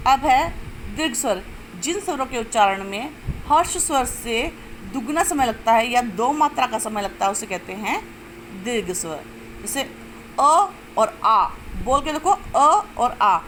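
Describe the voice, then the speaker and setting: A woman teaching a grammar lesson step by step, asking questions and answering them herself, and drawing out sounds slowly to show them. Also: on the high side, slight background noise, low-quality recording. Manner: explains step by step, asks and answers own questions. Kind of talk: classroom-style lesson.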